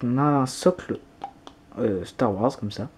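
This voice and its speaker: There's a little hiss or hum behind this YouTuber's medium-pitched, darkish voice, which runs a bit slow. He's unboxing things at home on camera, gushing over each one with frequent exclamations.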